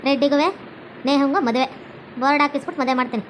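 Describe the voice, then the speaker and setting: A woman's voice: high-pitched, steady tone, racing, slight background noise, close to an everyday voice. A woman voicing a commanding, scolding middle-aged mother-in-law. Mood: bossy.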